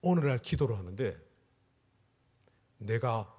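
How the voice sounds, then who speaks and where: Middle-aged male pastor, husky tone, emotional revival preaching, echoey church sound. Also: sits high, very animated, moderate pace. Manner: emotional storytelling, rising to pleading cries. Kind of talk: revival sermon. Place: church sanctuary.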